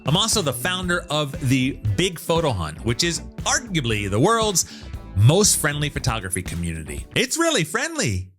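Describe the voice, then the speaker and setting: Enthusiastic guy hosting a chill interview, pitch all over the place, chatty. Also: huge pitch swings, moderate pace, a bit bright, faint music behind. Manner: enthusiastic, chatty, data-minded. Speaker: host. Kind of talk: casual interview chat.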